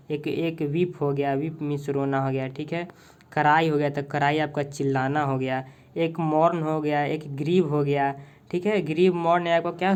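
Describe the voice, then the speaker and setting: A man's voice: fairly high pitch, darkish tone, clear, resonant tone. A man with an Indian accent teaching English words through Hindi in a casual lesson, asking and answering his own questions, often stopping to search for a word. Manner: repeats "ठीक है" constantly, asks and answers own questions; pauses to search for words, hesitant fillers. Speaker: vocabulary teacher. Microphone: phone on tripod with mic.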